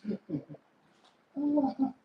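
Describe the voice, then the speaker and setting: A man's voice: very high-pitched, big pitch swings, extremely slow, a little hiss or hum. A man in his eighties chatting casually outdoors, joking about his age and laughing often as he rambles. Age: 80s. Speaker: men's group member. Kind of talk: casual chat. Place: outdoors at a picnic table. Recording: distant, roomy, dull live stream audio.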